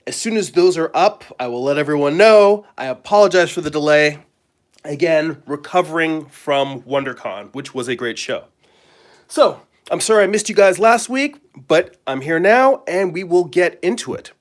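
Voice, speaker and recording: Suffering from a cold, this man sounds hoarse and raspy, clearing his throat as he talks in a slightly high, animated voice. He's a comic artist hosting a casual live stream from his home studio at the drawing table, rambling amiably with halting speech and fillers.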